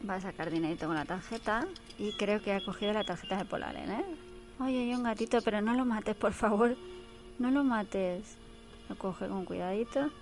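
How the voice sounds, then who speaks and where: Brief: woman doing casual, exclamatory commentary over a film, with the soundtrack music clear behind her. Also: mid-range voice, a little fast. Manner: chatty, exclaiming, playful asides.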